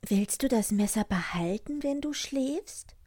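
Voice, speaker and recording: A woman's voice: a little high, expressive, a little slow, dark tone, pitched above the performer's own voice. A woman voicing a frightened little girl in a storybook, with a fearful, pleading manner. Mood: timid. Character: timid, anxious little girl.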